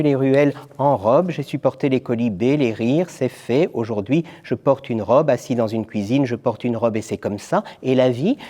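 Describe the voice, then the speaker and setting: A man voicing a lonely heavy woman who speaks in halting, repeated phrases. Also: medium pitch, mellow, voice pushed up, lightly acted. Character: lonely heavy woman, wistful then joyfully tearful.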